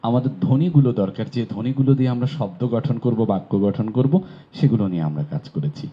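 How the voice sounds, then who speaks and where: A man's voice: mid-range voice, fast. A man from Bangladesh teaching pronunciation in a classroom lecture, explaining patiently and asking rhetorical questions. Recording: dull lo-fi recording.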